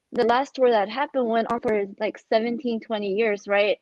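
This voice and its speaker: A young Ethiopian woman with a medium-pitched, darkish voice speaks as a panelist in an online discussion. She's chatty and leans heavily on "like" and "you know," heard over dull, dry video-call audio.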